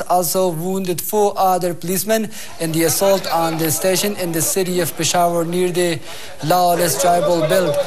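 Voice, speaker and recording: High-pitched young Afghan-accented male news anchor. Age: young adult. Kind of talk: scripted news reading. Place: TV news studio. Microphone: lapel mic.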